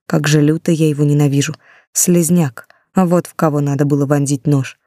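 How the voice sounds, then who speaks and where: A woman's voice: sits low, steady tone, brisk, dark tone, no room sound, clean studio sound. A woman narrating a first-person audiobook with dramatic, emotional delivery.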